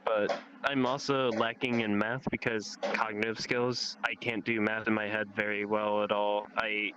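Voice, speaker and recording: In a VR social game's online voice chat, a teenage young man rambles casually about his life experiences as a guest, swearing offhandedly and saying "like" a lot. His voice is on the low side with a flat delivery at a moderate pace, over a noisy background.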